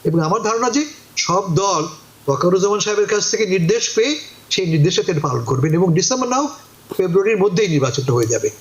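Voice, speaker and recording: Male talk-show guest, high animated voice, emphatic rhetorical style, echoey room. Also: fast talker. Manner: emphatic, asks and answers his own questions. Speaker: guest commentator. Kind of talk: political talk show discussion.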